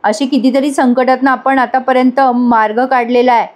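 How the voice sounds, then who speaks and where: A woman reading the lines of a composed, calculating woman who calms her angry brother and gives him firm advice. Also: sits high, normal speed, close to an everyday voice. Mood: soothing. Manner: placating, then firmly advising. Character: composed, calculating sister of a villain.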